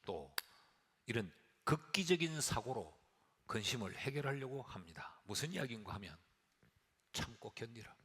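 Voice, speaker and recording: A male pastor preaching a sermon, swinging from whispers to shouts. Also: medium pitch, sing-song, normal speed, breathy edge. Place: church sanctuary. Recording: long church hall reverb.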